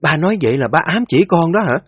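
A man voicing a sharp-tongued young daughter-in-law, shrill and accusing. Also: animated, fast talker, breathy edge, no echo, studio quality. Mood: defiant.

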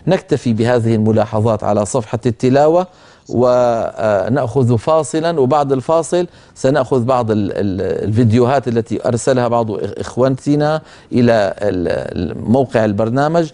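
A man teaching Quran recitation as a program host, calm and explanatory, slowing down to demonstrate pronunciation. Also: medium pitch. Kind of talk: televised recitation lesson.

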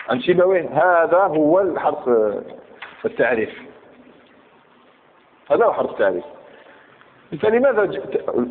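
Middle-aged man, grammar teacher; repeats points and checks students follow; tinny recording with long hall reverb. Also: fairly high pitch. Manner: repeats key points and checks understanding with questions. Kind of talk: classroom lesson on grammar.

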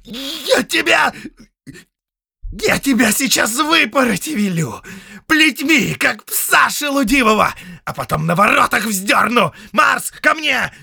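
A shrieking spoiled young count. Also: male voice, high-pitched, very animated, slow, gravelly, pushed and bright, no room sound, studio quality, pitched above the performer's own voice, heavily acted. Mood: raging. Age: young adult. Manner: shrieking, ranting. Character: spoiled young count, hot-tempered and shrill.

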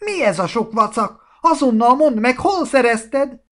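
A fussy vampire mother, as a man puts her on frets and scolds in a storybook voice. Her pitch climbs high above the narrator's own, sharp and insistent. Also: sing-song, slightly rough. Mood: scolding. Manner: scolding, worried. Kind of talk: storybook character voice.

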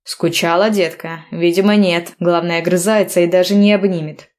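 A woman's voice: on the low side, steady tone, moderate pace, a little mellow, close to an everyday voice. A woman voicing a cocky, teasing young man who banters with his lover in mock-stern tones in an audiobook story. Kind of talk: audiobook dialogue reading.

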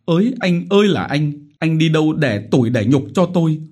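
A man's voice: a little high, lively intonation, fairly quick, a little mellow, husky, voice pushed up. A man doing a wailing, pleading widow. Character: desperate wailing poor widow.

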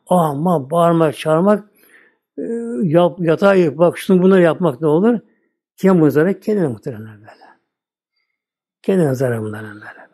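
A man's voice: a little high, dark tone. An older man giving an informal religious talk as a teacher, rambling and repeating the same filler word constantly.

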